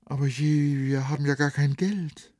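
A man's voice: steady tone, normal speed, darkish tone, no echo, studio quality, natural voice. A man voicing a young village girl in an audiobook, lifting his voice and sounding pleading and impulsive. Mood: eager. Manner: raised girlish pitch, pleading. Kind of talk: audiobook character voice.

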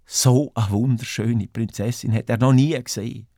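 A man reading a children's story with lively, animated storytelling. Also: mid-range voice, normal speed, dry recording, studio quality.

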